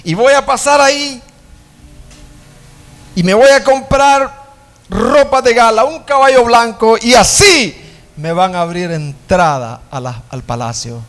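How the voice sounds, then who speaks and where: A man's voice: normal speed, few pauses, long reverb tail, close to an everyday voice. A man playing a famous male singer who is vain and then desperate, pleading in a raised voice, with a Salvadoran Spanish accent. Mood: eager. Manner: pleading, high-pitched exclamations.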